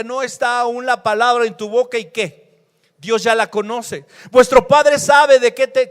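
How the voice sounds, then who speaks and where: A male pastor, preaching a sermon that swings between loud emphasis and hushed scripture reading. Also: very high voice. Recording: long hall reverb.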